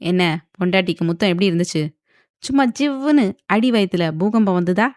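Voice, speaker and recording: A woman's voice: mid-range voice, fairly quick, no room sound, clean studio sound, close to an everyday voice. A woman voicing an irritable young husband who scolds and mocks his wife. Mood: mocking. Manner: grumbling, scolding, mocking.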